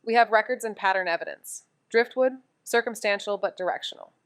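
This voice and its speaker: A woman plays Amy, an eager young amateur investigator in an audio drama, delivering dialogue and first-person narration in a casual, thinking-aloud manner. The mood is serious and urgent; her natural, mid-range voice moves fairly quickly, with a clean tone and no room sound.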